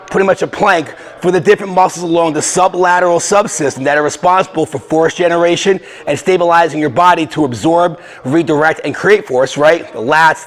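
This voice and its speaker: A man talking through a casual exercise tutorial as a fitness coach, energetic and conversational, a bit out of breath. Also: on the high side. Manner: energetic, conversational, with filler restarts.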